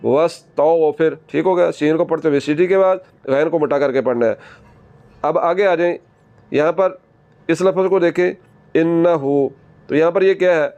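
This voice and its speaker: A man teaching Quran recitation, patiently repeating each word slowly many times and correcting common mistakes. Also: fairly high pitch, darkish tone, clean tone, highs cut off. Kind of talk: tajweed lesson.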